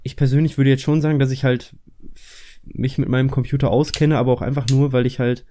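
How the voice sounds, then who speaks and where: A man's voice: mid-range voice, level tone, a little fast, dark tone. A young man chatting casually, rambling with lots of filler words. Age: young adult. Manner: rambling, many fillers like "so" and "halt". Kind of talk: casual chat.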